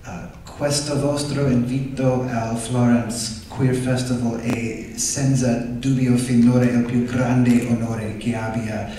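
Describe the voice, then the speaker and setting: A man, a native English speaker with an English accent in his Italian, giving a halting, polite, formal greeting to an audience. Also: mid-range voice, flat delivery, dark tone. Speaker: film director and screenwriter. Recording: very echoey, distant, noisy room.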